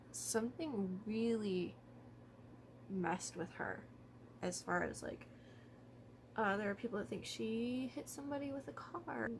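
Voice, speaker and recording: Her voice a little high, a woman vlogs casually about true crime, hedging and working through her thoughts out loud. Slight background noise sits under the recording.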